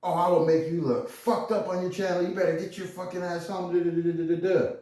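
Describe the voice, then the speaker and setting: A man in his garage mimicking his angry girlfriend in a shrill, high, nagging voice. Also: fairly even intonation, fairly quick, a little mellow, natural voice. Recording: echoey garage, far from mic.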